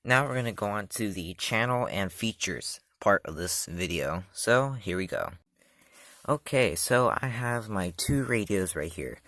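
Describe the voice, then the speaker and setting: Hosting his own channel, a man reviews a gadget by walking through its setup step by step in a loose, chatty demo, often trailing off with "so, yeah." His low-leaning voice is expressive, bright and forceful, and he speaks a little slowly. The recording is dry.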